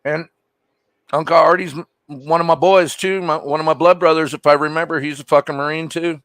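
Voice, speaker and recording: A man's voice: fairly high pitch, fairly even intonation, fairly quick, a bit bright, dry recording. A man chatting on a livestream, blunt and profane, teasing the host. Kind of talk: casual livestream chat.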